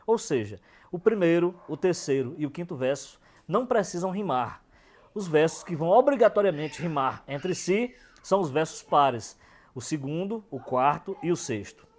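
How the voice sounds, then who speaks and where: A man, a cordel poet explaining verse form in an emphatic documentary lecture, slowing down to stress syllables. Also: on the high side, darkish tone. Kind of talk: documentary lecture on folk poetry.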